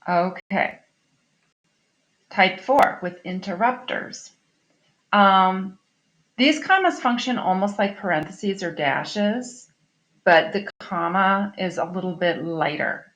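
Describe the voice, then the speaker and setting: A woman's voice: fairly low pitch, a bit bright. A woman teacher giving a recorded grammar lesson to her students, explaining in a chatty way and checking in with "okay?" often. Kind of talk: recorded online class lesson.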